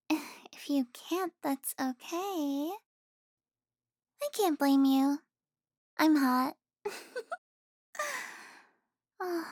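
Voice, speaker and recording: A young woman playing an affectionate, teasing girlfriend in an intimate audio roleplay, speaking softly with sighs and giggles. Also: high-pitched, no room sound, studio quality.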